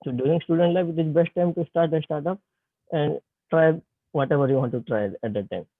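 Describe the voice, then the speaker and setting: A man's voice: a little high, a little fast, no room sound. A young man in his twenties with an Indian accent speaks to students over a bad video-call connection, hesitant and full of fillers. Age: 20s. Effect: bad connection on a video call, voice breaking. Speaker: guest speaker, startup founder. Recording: tinny lo-fi call line, dry.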